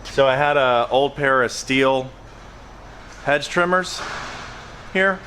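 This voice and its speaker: A man at a mid pitch talks straight into a handheld camera, blunt and emphatic, circling back over the same phrases as he goes. There is a faint hum of noise behind him. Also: takes it slowly, bright, forceful tone. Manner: plain-spoken, emphatic, repeats phrases. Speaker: landscaping business owner. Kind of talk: casual vlog talk to camera.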